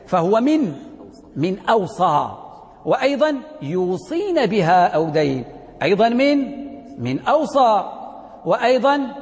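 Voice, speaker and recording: A high-voiced man lectures as a sheikh on Quranic readings, posing questions to the class and answering them himself. He repeats key words slowly, and a long hall reverb hangs over the recording.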